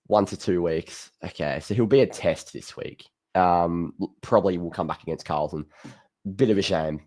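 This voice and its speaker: A laconic Australian man with a fairly low voice hosts a casual fan sports show. He talks in a blokey, conversational way, like he is chatting with mates. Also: a little mellow. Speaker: host of a fan call-in show. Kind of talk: casual footy chat.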